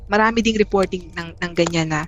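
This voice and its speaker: Halting, soft-pitched woman telling a story. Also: highs cut off, a little hiss or hum. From Philippines. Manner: halting, many restarts and fillers. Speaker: interview guest. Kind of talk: casual storytelling.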